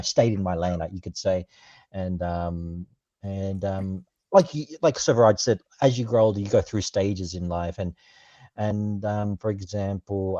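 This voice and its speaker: A man on a podcast, talking hesitantly about his life with many pauses and restarts. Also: sits low, warm tone, no room sound, lo-fi sound. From Australia. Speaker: podcast panelist. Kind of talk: casual personal chat.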